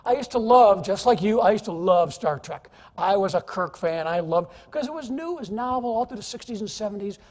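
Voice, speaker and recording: Husky, lively male keynote speaker. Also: high-pitched, a little fast, few pauses. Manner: animated, jokey, teases the audience. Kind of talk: energetic, humorous business presentation. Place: large conference hall, live audience. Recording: reverberant conference hall.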